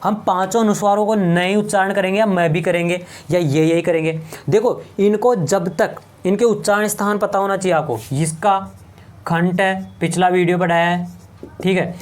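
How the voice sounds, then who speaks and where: A man teaching a whiteboard lecture, slowly repeating each point and asking his class rhetorical questions. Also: high-pitched, steady tone.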